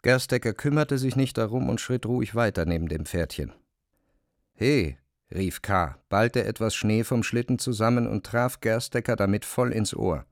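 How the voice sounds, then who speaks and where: A man reading literary narration for a radio play, measured and even. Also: on the low side, dry recording, studio quality.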